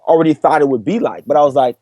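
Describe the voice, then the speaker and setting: A man's voice: a little high, rapid-fire, husky, dry recording. A young man, a guest in an interview, telling his story earnestly and acting out what people said to him. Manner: earnest, animated storytelling with acted-out quotes. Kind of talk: interview conversation.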